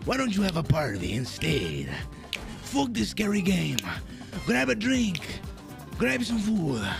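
A man voicing a suave swashbuckling male cat, talking in a smooth, coaxing way. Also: high-pitched, wildly swooping pitch, slow pace, music in the background, exaggerated voice.

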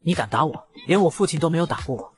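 A man's voice: fairly high pitch, animated, quick pace, lightly acted. Man doing a spoiled whiny boy, petulant. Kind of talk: comic recap voice acting.

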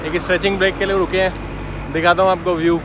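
Young male travel vlogger, relaxed chatty narration, loud car noise behind. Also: high-pitched, fast talker. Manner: relaxed, chatty, mixes English into Hindi. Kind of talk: casual travel vlog narration. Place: car on a highway and roadside outdoors. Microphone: handheld phone camera.

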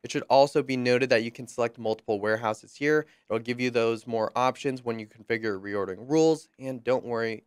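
Smooth-voiced young man guiding a tutorial. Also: medium pitch, no room sound, clean studio sound. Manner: friendly, upbeat, with light jokes. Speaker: software tutorial presenter. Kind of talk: screen-recorded software walkthrough.

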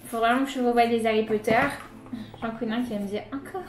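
A woman's voice: fairly high pitch, fairly even intonation, fast talker, darkish tone. A woman unboxing items in a casual, chatty, enthusiastic way, with many fillers. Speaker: unboxing vlogger. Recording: echoey room with light music.

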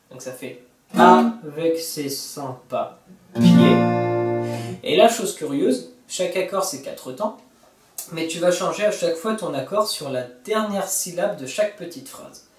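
A man whose voice is a little high walks the viewer through a song on guitar, recorded from a distant mic in a roomy space. He keeps it informal, counting the beats and singing pieces of the lyrics over his playing.

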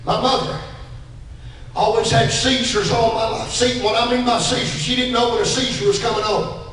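High-pitched southern guy preaching, shouting then going quiet, super echoey church, mic far off. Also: level tone, moderate pace, a little hiss or hum. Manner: preaching in bursts that swing from shouts to hushed asides. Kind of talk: sermon. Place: church sanctuary.

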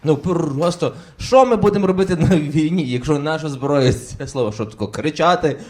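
A man's voice: fairly high pitch, lively intonation, a little fast, darkish tone. Stuttering man doing stand-up. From Ukraine. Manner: acts out relatives and officials in quoted voices. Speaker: stand-up comedian. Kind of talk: stand-up routine. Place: comedy club stage with audience laughter.

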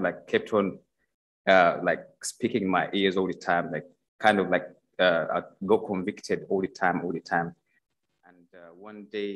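Very deep-voiced man with hesitant speech. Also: rough recording. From Uganda. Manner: hesitant, many fillers and restarts. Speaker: church member giving testimony. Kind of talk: personal testimony at a podium. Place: church stage in a large hall. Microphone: podium microphone.

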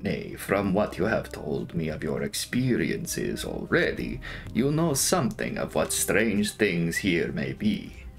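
A man voicing a courtly, commanding Transylvanian count in an audiobook, speaking in formal, drawn-out, measured phrases with a sinister edge. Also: deep voice, huge pitch swings, gravelly, soft background music, pitched below the performer's own voice, heavily acted. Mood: formal, ominous. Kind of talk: dramatic audiobook character reading.

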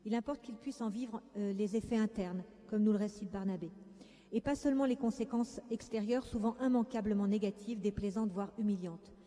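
A woman's voice: medium pitch, fairly quick, dark tone. Hesitant woman lecturing in a hall. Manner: hesitant, many fillers. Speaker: clinical psychologist giving a talk. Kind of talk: conference lecture. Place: conference hall. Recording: echoey conference hall.

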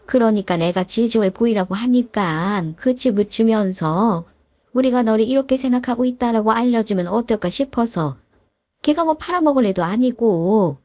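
A woman's voice: a little high, a little mellow, dry recording, lightly acted. A woman voicing a pushy, self-pitying older mother-in-law in a storybook drama, wheedling and guilt-tripping.

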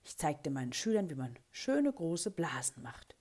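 A woman reading a children's story aloud, with a breathy voice and an expressive way of giving the characters their lines. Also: sits low, unhurried. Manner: expressive, lively character voicing in quotes. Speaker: children's book reader.

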